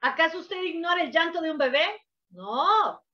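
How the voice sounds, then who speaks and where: A woman preacher delivering a sermon, emphatic, swinging from hushed to loud, on a dull lo-fi recording. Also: very high-pitched, fast talker.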